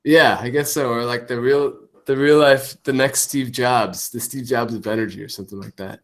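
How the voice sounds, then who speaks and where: A man's voice: medium pitch, fairly even intonation, normal speed, a bit bright. A man talking casually as a podcast guest, his voice coming through a staticky call with a glitchy, half-robotic distortion, rambling with lots of fillers and restarts. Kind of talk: casual chat over a call.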